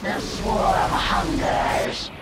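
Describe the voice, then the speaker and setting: Slow, imperious alien swarm queen. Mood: imperious, menacing. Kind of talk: video game unit voice acting. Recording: game music loud over the voice.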